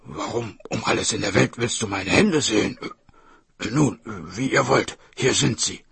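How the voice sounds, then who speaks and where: A man voicing a cunning, hungry tiger posing as a mother, with a husky voice and a hesitant, wheedling manner. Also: lowish voice, lively intonation, a little slow, fairly bright tone, no room sound, exaggerated voice. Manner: wheedling, hesitant with "äh" when caught out.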